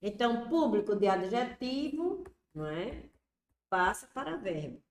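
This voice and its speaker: A woman's voice: fairly high pitch, sing-song, a little slow. Brazilian woman teaching, in a roomy echo. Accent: Brazilian Portuguese. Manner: explains step by step, asks and answers her own questions. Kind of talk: exam prep lesson.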